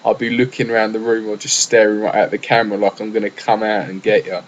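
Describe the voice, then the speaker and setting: A man's voice: on the low side, level tone, fast talker, dull audio, slight background noise. A young English man rambling casually through a solo gaming podcast, full of fillers and restarts. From England.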